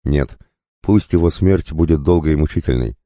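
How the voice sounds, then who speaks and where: A man's voice: rumbling low, moderate pace, warm tone, dry recording, clean studio sound. A man voicing a young prince, bitter and cold in his anger. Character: young boy prince, proud and vengeful.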